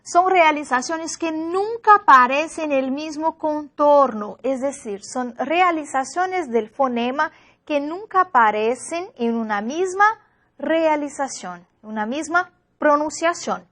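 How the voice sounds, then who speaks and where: High-pitched woman, teacher, methodical lecture delivery with frequent "perfecto" check-ins. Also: animated, measured pace, a bit bright. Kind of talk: online lecture.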